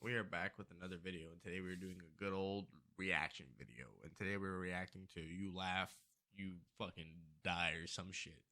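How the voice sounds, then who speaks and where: A man's voice: low voice, pushed and bright. A man hosting a reaction video in casual, laid-back chat, swearing often and laughing at himself.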